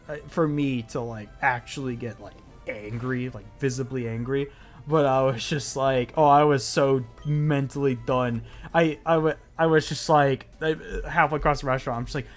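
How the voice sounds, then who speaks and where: A man streaming a game and telling a story in a loose, rambling way, full of fillers and swearing. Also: on the high side. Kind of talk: casual storytelling while playing a game.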